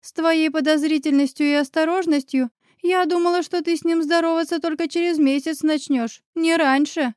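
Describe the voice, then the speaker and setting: A woman voicing an excitable pregnant young woman. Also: high-pitched, no room sound, clean studio sound, pitched above the performer's own voice, close to an everyday voice. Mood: excited teasing. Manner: lively, quick mood swings between tears and laughter. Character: young pregnant woman friend, emotional, chatty.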